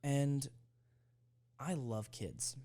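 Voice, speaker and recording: A man's voice: medium pitch, extremely slow, warm tone. A young man co-hosting a podcast, telling a heated, profane story in casual chat. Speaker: podcast co-host.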